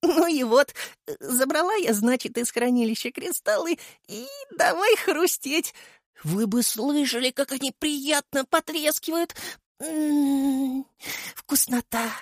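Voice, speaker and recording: A man's voice: very high-pitched, expressive, slow pace, dry recording, clean studio sound, voice pushed up, exaggerated voice. A man voicing a cheerful, chatty, childlike female golem who whines and gushes in an audiobook. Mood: chirpy. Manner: gushing, whiny, childlike. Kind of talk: audiobook character voice.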